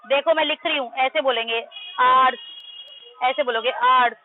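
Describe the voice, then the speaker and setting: A woman's voice: high voice, fast talker, dry recording, soft background music. A woman teacher giving a math class in Hindi-English mix, firmly correcting her pupils' pronunciation and quizzing them. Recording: tinny phone-like line.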